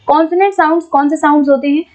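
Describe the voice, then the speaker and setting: A woman teaching an exam-prep lesson, patiently explaining and reading English questions out slowly. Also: high-pitched, fairly even intonation, a little mellow. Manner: explains patiently, repeats points, keeps checking with "ठीक है".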